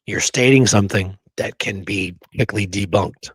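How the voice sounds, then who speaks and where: A male history co-host with a slightly rough, lowish voice talks at a normal speed, conversationally and with emphasis, as he debunks an old photograph, drawing out important phrases and throwing in rhetorical questions. The recording is dry.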